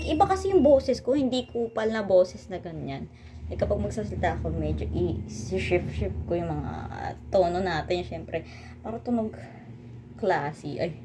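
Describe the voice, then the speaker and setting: A woman's voice: on the low side, mellow, slight background noise. A teenage girl, a student, chatting casually and teasing herself, mixing in English and full of filler words. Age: teens. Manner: chatty, self-mocking, Taglish with many fillers. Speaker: student vlogger. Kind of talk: casual chat.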